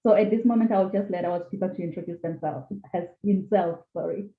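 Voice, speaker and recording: Woman podcast host, low-ish voice, upbeat and welcoming, tinny echoey call line. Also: a little fast. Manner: upbeat, welcoming, formal reading of a disclaimer. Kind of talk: online talk show hosting.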